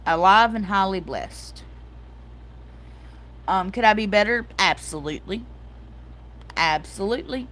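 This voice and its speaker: A woman's voice: medium pitch, expressive, unhurried, long pauses, a bit bright. A middle-aged woman hosting a casual livestream, telling stories animatedly and calling her viewers y'all. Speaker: livestream host.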